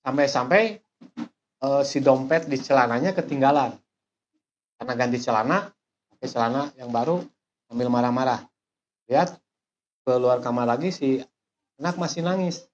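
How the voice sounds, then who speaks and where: A man teaches a lesson through a slow, deliberate story, repeating himself as he goes, in a dull lo-fi recording. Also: mid-range voice. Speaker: motivational speaker.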